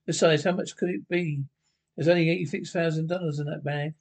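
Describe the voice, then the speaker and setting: An actor voicing a stubborn, blustery middle-aged caveman husband in a cartoon, loud and gruff. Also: fairly high pitch, steady tone, brisk. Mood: boastful. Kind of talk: cartoon voice acting.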